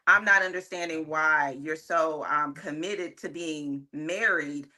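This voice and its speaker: A woman's voice: low voice, measured pace, bright, forceful tone. A woman speaking as a guest in a casual discussion, earnest and opinionated, with plenty of likes and ums. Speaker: panel guest.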